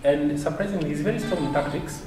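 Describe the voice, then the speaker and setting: A man's voice: a little high, quick pace, music in the background. A man hosting a chess tournament broadcast, chatting casually with many fillers and restarts as he interviews players. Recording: echoey hall, distant mic, background noise.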